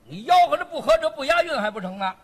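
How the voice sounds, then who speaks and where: A man performing a crosstalk comedy dialogue in quick, teasing patter. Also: very high voice, sing-song, fairly bright tone.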